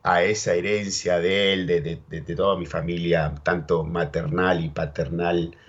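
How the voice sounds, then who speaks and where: This interview guest, an Argentine-accented man who speaks both Spanish and English natively, has a low, level voice with a breathy edge and a slightly slow pace. He rambles through his anecdotes, repeating words and tacking on "¿viste?", over dull lo-fi sound.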